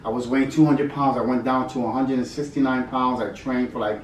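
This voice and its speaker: A man's voice: mid-range voice, fairly even intonation, a little fast, far from the mic. A middle-aged man, a fight trainer and former fighter, giving casual answers in an interview. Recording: echoey room, off-mic, faint background noise.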